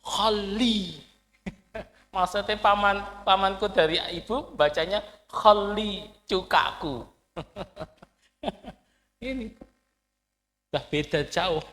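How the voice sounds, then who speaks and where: Man, bright tone, slow deliberate pace, reverberant hall, teaching a class. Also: sits high. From Indonesia. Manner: explains patiently, quizzes the class. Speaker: Arabic teacher. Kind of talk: classroom lesson. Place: lecture hall.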